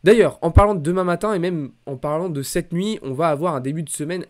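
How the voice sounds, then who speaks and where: A man's voice: fairly high pitch, fast. Man giving casual market commentary. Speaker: host of a weekly markets recap.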